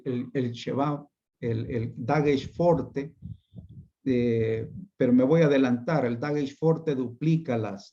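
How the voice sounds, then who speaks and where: Guy teaching a class online, slow patient explaining, bit high voice, muffled lo-fi sound. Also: dark tone.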